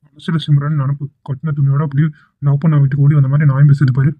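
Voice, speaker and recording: A grumbling young cartoon man, fed up with his grandmother and muttering under his breath, as a man voices him. He talks in a flat, even tone. The sound is tinny and phone-like. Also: fairly high pitch, fast, breathy edge, dry recording. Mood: exasperated. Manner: muttering, exasperated. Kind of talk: dubbed cartoon dialogue.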